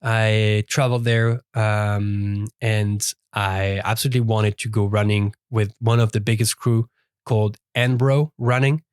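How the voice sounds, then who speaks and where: Halting man, podcast co-host. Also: fairly low pitch, flat delivery, clean tone, no room sound, clean studio sound. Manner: halting, many uh fillers and restarts. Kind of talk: casual chat. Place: dry studio.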